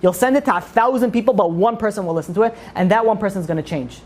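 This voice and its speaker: A woman teaching a religious class gives an informal lecture to a group, emphatically asking questions and then answering them herself. Her medium-pitched voice races along with a darkish tone.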